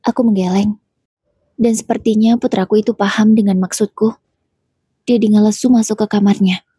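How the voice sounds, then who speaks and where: A woman narrating a first-person domestic drama in a steady, measured storytelling voice. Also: medium pitch, breathy edge, no room sound, clean studio sound.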